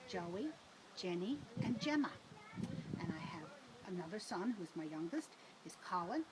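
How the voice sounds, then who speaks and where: A woman, chatting through her answer as a council candidate. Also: medium pitch. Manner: chatty, lists family at length. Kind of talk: interview answer. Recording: noisy background.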